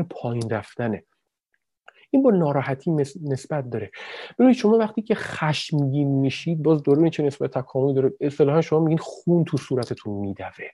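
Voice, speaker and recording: Male lecturer, lively and direct with listeners, fillers and restarts; mellow timbre, dry recording. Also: mid-range voice, dry recording. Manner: animated, addresses listeners directly with many examples; frequent fillers and self-corrections. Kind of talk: explanatory talk on language and emotion.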